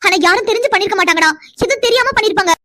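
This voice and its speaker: Casting: woman voicing a scolding cartoon aunt, piercingly high, bright-edged, racing delivery. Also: rapid-fire, no echo, clean studio sound. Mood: reproachful. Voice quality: reproachful.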